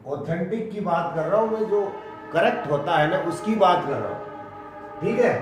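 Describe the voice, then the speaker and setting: A man with an Indian accent teaching English pronunciation, spelling out words letter by letter and repeating each one slowly. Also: high voice, expressive, music in the background. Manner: slow and deliberate, repeating each word. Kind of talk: classroom lesson, spelling out words. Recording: echoey room, voice from far off.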